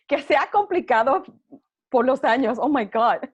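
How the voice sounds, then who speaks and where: A woman's voice: high-pitched, lively intonation, a little slow, slightly rough. Chatty Puerto Rican woman, lo-fi audio. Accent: Puerto Rican Spanish. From Puerto Rico. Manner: chatty, laughs often, restarts words. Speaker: interviewee. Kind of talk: casual personal storytelling. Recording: dull lo-fi audio.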